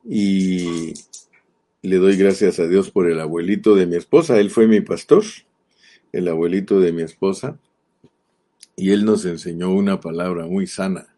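A middle-aged Guatemalan preacher with a Guatemalan Spanish accent delivers an earnest, emphatic sermon. His very low voice sounds dark and mellow, and he often repeats key words, slowing down to stress them and drive his point home.

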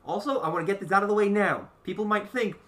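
Guy hosting a laid-back podcast, bright voice, laughs at himself a lot, bit far from the mic. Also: sits high, fast talker. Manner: chatty, laughs often, self-deprecating. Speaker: podcast host. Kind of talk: casual chat.

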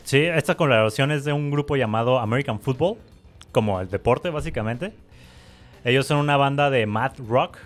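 This is a Mexican-accented man co-hosting a music podcast, telling stories in loose, relaxed slang. His voice sits at a middle pitch, and faint music plays underneath. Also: moderate pace. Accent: Mexican Spanish. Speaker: podcast co-host. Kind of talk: casual chat.

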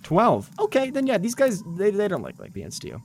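A man running a tabletop role-playing game, his voice gravelly and swinging widely in pitch. He mixes casual rules talk with playful menace. Faint room noise hangs behind him. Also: huge pitch swings, fairly quick, a little mellow. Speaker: game master.

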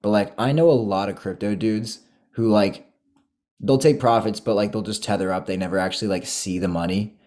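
A man's voice: on the low side, fairly quick, a little mellow. A young man hosting a podcast, chatting casually, swearing freely and peppering his talk with "like.". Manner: laid-back, swears a lot, fills talk with "like". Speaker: podcast host. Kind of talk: casual chat.

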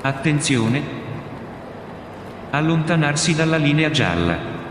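A man doing a slow, echoing train station announcement. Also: a little high, very animated, noisy background. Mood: formal. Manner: slow, formal public announcement. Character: male train station announcer, calm and formal. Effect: train station loudspeaker announcement. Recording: echoey hall with loud station ambience.

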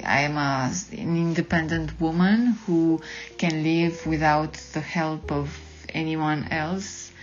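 A woman from Romania speaking in measured, deliberate statements, recorded on a dull lo-fi recording. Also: low-pitched, fairly bright tone. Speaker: podcast guest.

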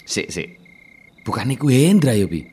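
An actor playing a bold, nosy young man, teasing and swinging from loud to soft in a radio drama. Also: medium pitch, big pitch swings, moderate pace, noisy background, lightly acted. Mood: eager.

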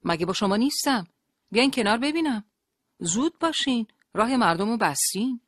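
Harsh male soldier, as read by a narrator, loud orders, raised pitch, dry close sound. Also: very animated, dry recording. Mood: harsh shouting. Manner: shouting, rough commands.

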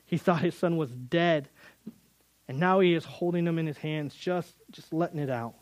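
A man's voice: fairly high pitch, moderate pace, darkish tone, dry recording. A man teaching through a Bible passage in earnest, often repeating words as he builds emphasis.

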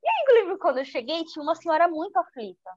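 Woman journalist, high voice, animated storyteller, dull lo-fi recording. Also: rapid-fire, dry recording. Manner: lively, acts out quoted speech. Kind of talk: personal storytelling in an interview. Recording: dull lo-fi dry sound.

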